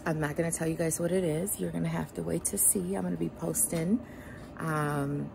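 A woman's voice: low voice, fairly even intonation, moderate pace, gravelly, background noise. A woman vlogger talking casually and sincerely to her followers while sitting in an ice bath. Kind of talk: casual, heartfelt talk to camera.

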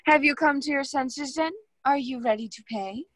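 Playing a cold, demanding society hostess in a radio play, this young woman sounds haughty, scheming and condescending as she taunts. Her high-pitched voice moves at a moderate pace, close to how she'd normally speak, with no room sound.

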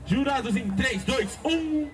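A Brazilian man co-hosting a street rap battle, shouting slangy commands to the crowd and counting down for judges. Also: very high-pitched, expressive, slow, soft background music. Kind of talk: crowd hyping and calling judges. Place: outdoor night street battle. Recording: loud crowd and beat behind.

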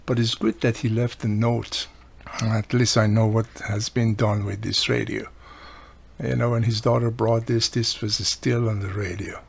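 This middle-aged man hosts a radio repair video and speaks in a lowish, husky voice with vocal fry, little pitch movement, and normal speed. Working at an indoor workbench, he gives casual, hands-on, explanatory instruction, repeating "you know" and dropping in frequent small cautions.

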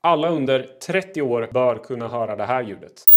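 A man talks straight to his audience in short, snappy quiz and fact clips. His voice sits in a middle pitch, and he delivers jokes and questions quickly with a deadpan edge. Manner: fast, punchy delivery with deadpan pun jokes. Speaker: TikTok creator.

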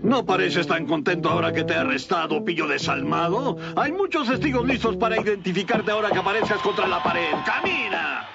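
Behind loud music on a dull old soundtrack, a little western sheriff blusters in Latin American Spanish. He is high-voiced, bossy and indignant, a short-tempered cartoon lawman. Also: expressive, brisk, gravelly. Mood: threatening. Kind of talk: cartoon dubbing.

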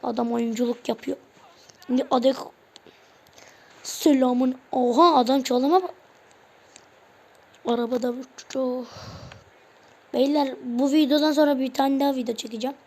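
A woman's voice: sits high, steady tone, normal speed, long pauses, darkish tone. A woman giving casual play-by-play commentary on her own football video game match, firing off player names in short bursts and grumbling when plays go wrong. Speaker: gaming channel host. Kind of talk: casual live gameplay commentary.

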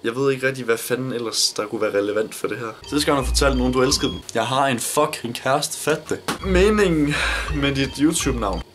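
A man's voice: mid-range voice, noisy background. A nineteen-year-old man from Denmark answering viewer questions in a casual vlog, blunt, joking and swearing a lot. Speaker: YouTuber.

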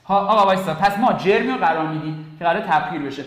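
A man tutors physics for exams in a fairly high voice, pressing his points with repeated words and sudden shifts from loud to quiet. His voice rings around a very echoey room. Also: expressive. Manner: emphatic, repeats words, swings loud and soft. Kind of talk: energetic exam-prep lesson.

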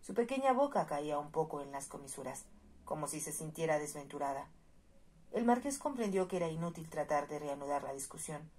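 Low, husky woman reading a romance novel. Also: lively intonation, a little fast, a little mellow. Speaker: narrator. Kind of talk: soft-spoken audiobook reading.

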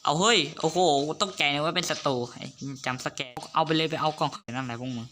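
A man giving casual gaming commentary, excitable and teasing, with loud outbursts and swearing. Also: a little high, fast. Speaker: gamer and video host. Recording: noisy home recording.

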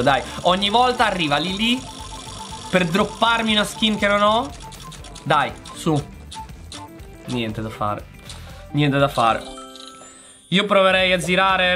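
Gaming host, male, a bit hoarse, very animated and exclamatory, faint music under the voice. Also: sits high. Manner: excitable, exclamatory, talks straight to viewers. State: voice going hoarse. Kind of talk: casual gameplay commentary.

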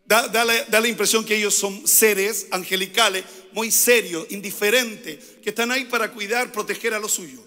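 A Chilean-accented male pastor delivers a sermon in a high, bright, forceful voice. He repeats key phrases and has the congregation say lines back to him. His voice rings with the long reverb of a church hall. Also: moderate pace, few pauses. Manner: preaching with repeated phrases and call-and-response.

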